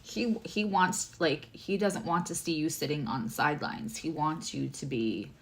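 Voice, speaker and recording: During a livestream, a woman who works as a tarot reader and astrologer gives a chatty, emotional reading and greets viewers by name. Her voice is low, with lively intonation at a moderate pace.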